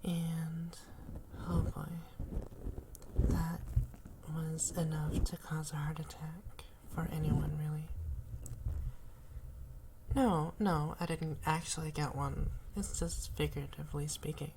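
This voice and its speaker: A woman plays a gently teasing young woman in an ASMR role-play in the ear cleaning ASMR style. Her soft, breathy soft voice sits low for a woman and moves very slowly. She chats in a caring, unhurried way. Clear background noise runs through the recording. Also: steady tone. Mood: relaxed chatting.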